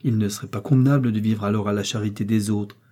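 A man's voice: on the low side, fairly even intonation, fast talker, close to an everyday voice. A man reading an audiobook, voicing a humble older mother who speaks timidly and modestly. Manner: timid, soft-spoken.

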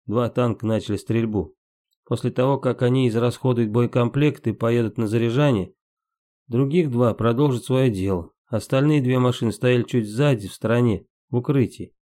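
Low, dark-voiced man reading a war memoir. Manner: terse, matter-of-fact, clipped sentences. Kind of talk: first-person memoir reading.

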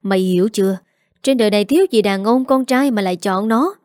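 A woman voicing a hot-tempered older father who shouts insults at his daughter. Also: high voice, fast talker, no room sound, studio quality, natural voice. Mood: furious.

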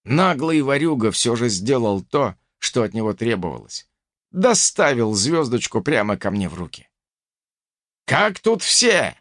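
Male audiobook narrator, vivid first-person storytelling, animated range, dry booth sound. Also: medium pitch, normal speed, no echo.

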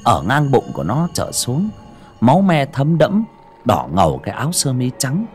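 A man narrates a scripted horror audiobook with a dramatic, suspenseful delivery, his darkish voice swinging hugely in pitch to build tension. He speaks at a moderate pace, with faint music behind him.

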